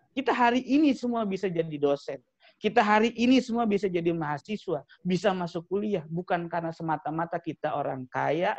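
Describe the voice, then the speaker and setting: Gravelly-voiced man giving a joking sermon. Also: sits high, a little mellow. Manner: joking asides to the audience. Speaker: preacher. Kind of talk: humorous religious talk. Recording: dry, slightly dull sound.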